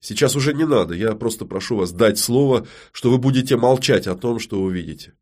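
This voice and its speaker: A man's voice: mid-range voice, a little mellow, voice pushed up, natural voice. A man voicing a young woman witch who speaks politely but firmly. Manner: polite, measured.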